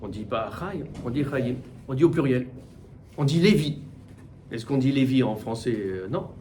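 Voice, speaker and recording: A middle-aged man, a rabbi, giving a Torah class in with mixed in, animated and full of rhetorical questions. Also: medium pitch, moderate pace, a little hiss or hum. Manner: animated, rhetorical questions, repeats words while searching. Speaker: rabbi teaching the weekly portion. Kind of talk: Torah class, spoken teaching.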